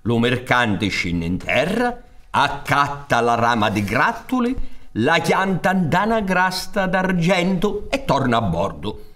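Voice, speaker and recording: Speaking slowly with big pitch swings, this Sicilian-accented man in his sixties has a mid-range, somewhat bright voice. He is a storyteller and director performing a folk tale on stage, dramatic and gesturing, full of rhetorical questions. A stand-mounted studio microphone captures him.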